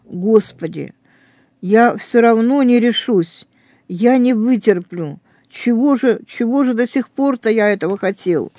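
A horrified young man in a storybook reading, pleading in anguish with a mellow, dark tone, as the reader puts him on. The recording is close and dry, with no room around the voice. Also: medium pitch, animated, unhurried, dry recording, natural voice. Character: young man in terror over a crime he plans.

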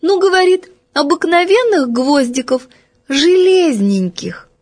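A woman voicing a tiny, timid creature girl with a thin, high little voice in a storybook reading. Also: expressive, a little slow, a little mellow. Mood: coy. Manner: plain, shy, short answers.

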